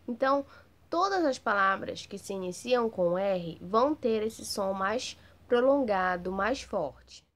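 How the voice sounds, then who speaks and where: A woman teaching a primary school class in a recorded lesson, speaking patiently, drawing out example words loudly and checking in often. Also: mid-range voice, lively intonation, a little slow. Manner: ends phrases with "tá bem?" checks. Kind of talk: recorded remote lesson for children.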